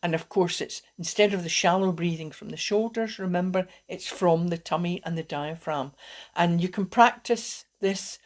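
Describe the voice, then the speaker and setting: Speaking at a normal speed with a fairly low pitch, a female wellbeing coach guides viewers through calming techniques on a live stream. Her tone is soft and supportive, and she keeps restarting sentences.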